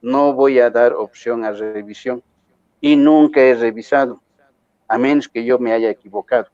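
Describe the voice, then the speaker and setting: A man's voice: medium pitch, steady tone, moderate pace, darkish tone, no room sound, dull audio. A man teaching a university class, giving firm instructions and checking in with the students again and again. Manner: firm, repeats points with rhetorical checks. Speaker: university lecturer.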